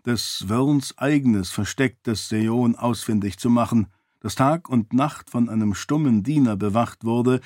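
A man reading a fantasy audiobook in a measured, clear storytelling manner. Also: medium pitch, a little mellow, no echo, clean studio sound. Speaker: audiobook narrator. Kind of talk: scripted fantasy narration.

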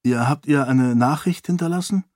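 Audiobook casting: a man playing a calm young prince who threatens in a low hush, recorded close and dry. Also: moderate pace, no echo, natural voice. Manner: quiet, hushed menace.

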